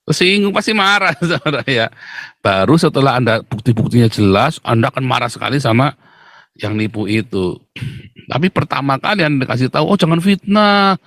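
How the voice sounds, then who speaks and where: A man's voice: medium pitch, animated, fairly quick, fairly bright tone, no room sound. Host, man, preachy and scornful, mid-range voice, dry room. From Indonesia. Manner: blunt, mocking, lecturing, addresses viewers as "saudara". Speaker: live stream host. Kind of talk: live stream religious commentary.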